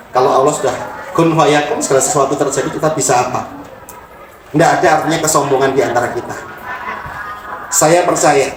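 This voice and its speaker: A man's voice: on the high side, noisy background. A male religious teacher giving an earnest talk that speaks directly to students in a school hall, recorded from a distant mic.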